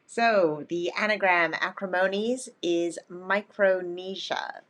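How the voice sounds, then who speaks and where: A woman's voice: fairly low pitch, slow pace, fairly bright tone. A woman co-hosting a casual live quiz from home, reading questions plainly and laughing easily. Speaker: quiz co-host.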